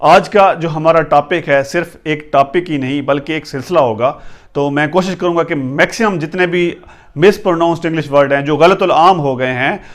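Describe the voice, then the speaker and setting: A man giving a pronunciation lesson, spelling out words letter by letter and repeating them in a calm explaining way. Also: on the high side, brisk. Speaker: English teacher.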